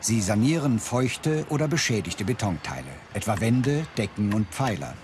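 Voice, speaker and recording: A man delivering clear, measured scripted narration for a documentary. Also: medium pitch, background noise.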